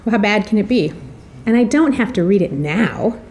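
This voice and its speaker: Speaking at a moderate pace in an animated, mid-range voice that's a little mellow, a middle-aged woman gives a prepared introduction. She weaves in stories with articulate wit and a slightly theatrical flair.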